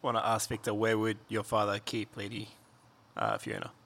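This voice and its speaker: A man's voice: fairly low pitch, sing-song, moderate pace, gravelly, a bit bright. A man playing a tabletop game with friends, joking and pressing his questions. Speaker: player. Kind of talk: casual tabletop game play.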